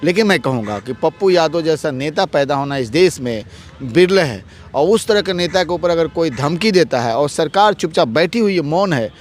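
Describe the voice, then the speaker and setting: A man with a somewhat high voice speaks as an interviewed advocate. He argues forcefully, piling up rhetorical questions and repeated phrases. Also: animated, moderate pace, soft background music. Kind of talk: heated political interview.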